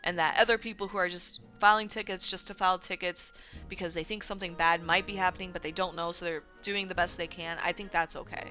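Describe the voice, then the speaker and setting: A woman's voice: fairly low pitch, steady tone, fast, sharp tone, faint music behind. A woman streamer talking casually to her viewers, full of fillers and often checking in with "right?". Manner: chatty, filler-heavy, keeps asking "right?". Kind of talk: casual livestream commentary.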